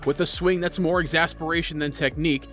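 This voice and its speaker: Casting: male narrator, notably high voice, dramatic scripted storytelling for video, music underneath. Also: steady tone, brisk, a bit bright.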